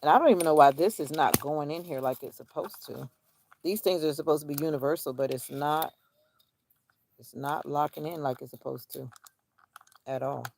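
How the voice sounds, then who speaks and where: Out on a nature walk, a woman vlogs casually, musing and rambling to herself and her viewers. Her low voice has vocal fry and a darkish tone, she talks at a moderate pace, and there's slight background noise.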